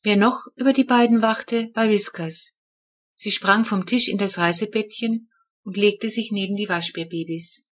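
A woman reading a children's story aloud with lively storytelling. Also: medium pitch, moderate pace. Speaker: audiobook narrator. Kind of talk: scripted narration.

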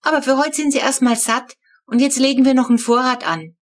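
Woman doing a high, excited little girl. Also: a little fast, close to an everyday voice. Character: small excited girl, messy and stubborn.

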